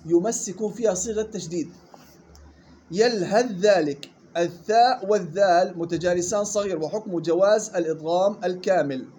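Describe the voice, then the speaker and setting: A man teaching Quran recitation rules. He models the words slowly and quizzes his students. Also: high voice, mellow, a little hiss or hum. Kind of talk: tajweed lesson.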